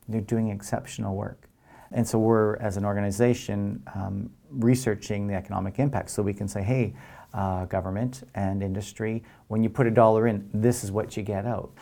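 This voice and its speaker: A man with a very low, mellow voice gives considered interview answers. He explains things in a measured way, pausing often and leaning on key words, with a fairly even melody. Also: creaky. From Canada.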